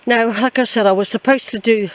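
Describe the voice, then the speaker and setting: A woman's voice: on the high side, fairly even intonation, brisk, rough recording. Older English woman rambling on a walk. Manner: chatty, reflective, repeating phrases. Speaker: hiking vlogger. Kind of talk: casual rambling walk commentary. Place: outdoors on a woodland trail.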